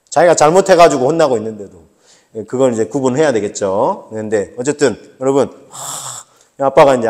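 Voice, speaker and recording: A male pastor delivering a Sunday sermon in a conversational preaching style. His delivery swings between emphatic, rising bursts and quiet asides, and he leans on everyday family examples. His voice sits at an ordinary middle pitch. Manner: illustrates with homely family anecdotes and quoted dialogue.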